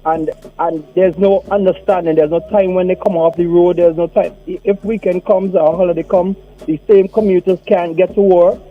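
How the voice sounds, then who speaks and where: A man's voice: high-pitched, fairly even intonation, moderate pace, few pauses. A man phoning a radio show to give an earnest opinion, insistently repeating his points. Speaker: radio phone-in caller. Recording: muffled phone-in line with music.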